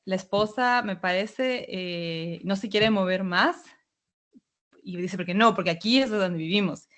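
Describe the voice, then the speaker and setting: A co-host from Ecuador speaks at a middle pitch in a relaxed, thoughtful way. It's a conversational style, with the occasional lively aside. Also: a little slow. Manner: thoughtful, storytelling, animated asides. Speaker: podcast co-host. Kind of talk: casual conversation.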